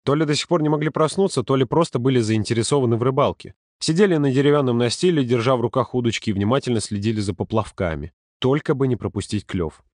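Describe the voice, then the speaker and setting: A man narrating a story in a calm, steady audiobook reading. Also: mid-range voice, quick pace, few pauses, no echo, studio quality. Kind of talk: scripted narration.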